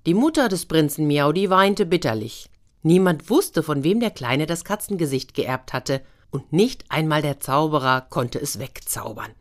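A woman narrating a fairy tale in a gentle, expressive storytelling manner. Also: low-pitched, normal speed. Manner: gentle, expressive storytelling, brief voices for figures.

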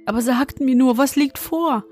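A woman voicing a frightened young girl in a fairy tale, pleading in a raised, gentle voice. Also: normal speed, breathy edge, soft background music. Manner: pleading, higher voice.

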